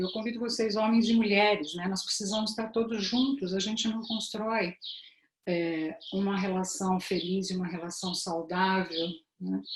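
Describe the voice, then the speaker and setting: A woman's voice: medium pitch, echoey room. A woman with a Brazilian Portuguese accent, a therapist giving an informal live-stream talk. She speaks conversationally, often adds tag questions and addresses her viewers directly.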